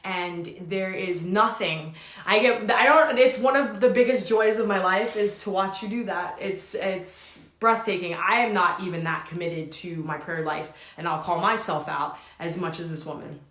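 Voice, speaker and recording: A woman's voice: fairly low pitch, moderate pace, fairly bright tone. A woman co-hosting a motivational pep talk, speaking in a candid, heartfelt way. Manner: candid, heartfelt and self-revealing. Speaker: co-host. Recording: roomy echoey sound.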